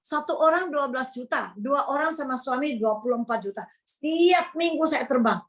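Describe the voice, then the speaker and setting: High-voiced animated older woman. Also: normal speed. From Indonesia. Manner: animated storytelling, acts out quoted people. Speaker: speaker at a sales meeting. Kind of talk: motivational testimony to an audience.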